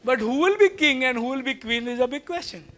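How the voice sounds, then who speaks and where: An Indian English–accented guest lecturer talks to a full auditorium of seated students, picked up by a lapel mic as he walks the stage gesturing. His strikingly high, bright voice is expressive and fairly quick, and he keeps a conversational style, peppering the students with rhetorical questions.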